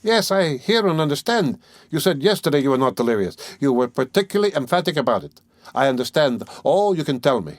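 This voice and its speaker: A man's voice: a little high, big pitch swings, fairly quick, no echo, clean studio sound. A man voicing a sly, genial middle-aged examining lawyer who talks in a fussy, teasing way, in an audiobook reading. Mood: sly, chatty.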